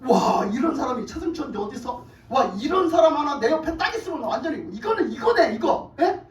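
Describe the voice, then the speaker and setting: A woman preacher voicing a greedy, panicky ancient king who shouts and then begs loudly. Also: high-pitched, sing-song, a little fast, echoey room, recorded from a distance. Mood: amazed.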